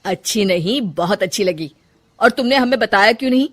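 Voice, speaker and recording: A woman voicing a kindly, middle-aged mother-in-law in a cartoon story, talking in a warm, motherly way. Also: medium pitch, lively intonation, a little fast. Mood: proud. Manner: affectionate, motherly. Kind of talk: Hindi cartoon story voice acting.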